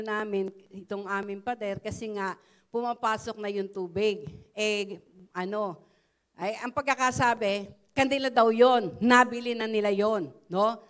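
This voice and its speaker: A middle-aged Filipino woman giving a chatty spoken testimony in church, full of fillers and "no?" tags. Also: medium pitch. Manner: conversational, frequent "no?" tags and fillers.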